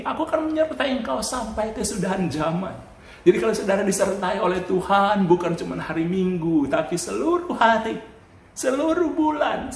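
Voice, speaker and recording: A middle-aged male pastor preaching a sermon, telling a story with lively swings and often turning to address his listeners directly. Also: medium pitch, a little hiss or hum. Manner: animated storytelling, constantly addressing listeners as brothers and sisters. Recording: echoey hall with faint ambience.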